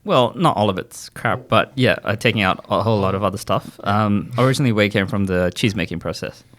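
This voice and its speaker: A man's voice: fairly low pitch, fairly quick, a bit bright. A man co-hosting a casual podcast, explaining things patiently with analogies and frequent fillers. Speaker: podcast co-host explaining nutrition.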